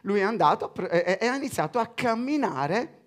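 A man delivers a sermon in a high, lively voice that swings widely in pitch. He reads scripture aloud and keeps cutting in with playful asides to the congregation. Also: brisk. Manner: animated, joking asides while reading scripture. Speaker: preacher.

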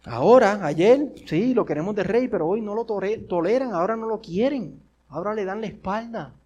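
A pastor with a notably high voice preaches to his congregation, firing off and repeating rhetorical questions while swinging between forceful and near-hushed lines. He's animated and moderately paced, and the recording is muffled.

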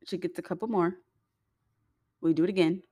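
A woman's voice: on the low side, steady tone, a little fast, dark tone, dry recording, studio quality. A young woman, chatting straight to her viewers in a storytime vlog, full of fillers and asides. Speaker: vlogger.

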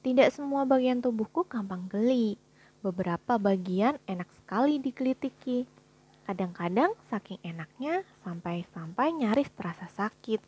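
Woman doing a young girl, high-pitched, loud, breathy, eager, curious, storybook. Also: animated, moderate pace. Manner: high, bright and eager questions.

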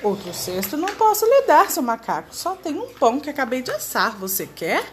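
Flustered bread guy done by a lady reading a story, lively pitch. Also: brisk, slight background noise. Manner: flustered, apologetic. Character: flustered grown man baking bread. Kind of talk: storybook read-aloud.

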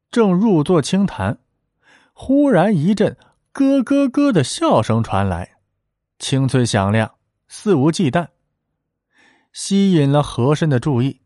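A man narrating a historical tale in traditional storytelling style, animated and dramatic. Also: medium pitch, dry recording, clean studio sound.

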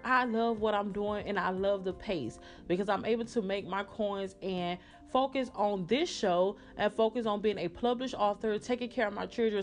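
A woman hosting a casual solo podcast, talking in a sassy, slangy, emphatic way with drawn-out words. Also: mid-range voice. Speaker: podcast host.

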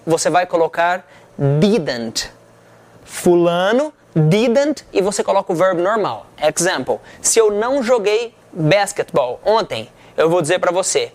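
Slow, deliberate male teacher. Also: high voice. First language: Portuguese. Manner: slow, deliberate, repeats each example and translates it. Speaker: English teacher. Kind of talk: language lesson to camera.

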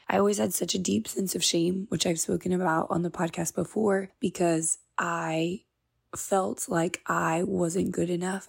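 A woman in her thirties, hoarse from being sick, earnestly telling her personal story as a podcast host. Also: fairly low pitch. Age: 30s. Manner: earnest, confiding. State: hoarse from illness.

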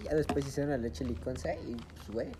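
A young man with a Mexican accent chats loosely on a podcast, full of slang and jokes, often trailing off mid-thought. His voice sits at an everyday middle pitch. Steady background noise runs under the recording. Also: fairly quick. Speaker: podcast co-host. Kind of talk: casual chat.

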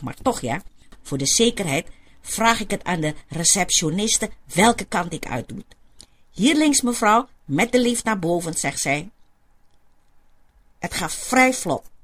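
Woman telling her own story, chatty and homely, lively up-and-down voice. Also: on the low side, husky. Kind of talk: first-person spoken storytelling.

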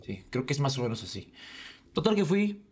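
A man's voice: mid-range voice, big pitch swings, brisk, darkish tone. A young man with a Mexican accent, a podcast guest telling stories in a joking, slangy way. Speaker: guest, jiu-jitsu instructor. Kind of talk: casual chat.

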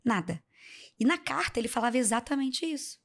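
Young carioca woman telling a wild story, kinda high voice, acts everyone out. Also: brisk, breathy edge. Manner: animated, acts out the people in her story. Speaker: podcast guest, DJ. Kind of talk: casual storytelling in an interview.

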